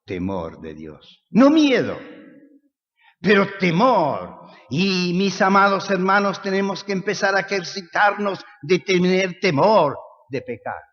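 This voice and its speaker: A man with an Argentine accent preaching a sermon, asking rhetorical questions and swinging between soft and loud. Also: sits high. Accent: Argentine Spanish. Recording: echoey hall, dull lo-fi sound.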